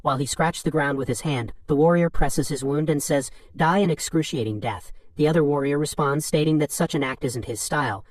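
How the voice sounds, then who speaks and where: A man narrating a story recap in an even, flat reading of third-person summary. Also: on the high side, a little fast, hardly any pauses, no room sound.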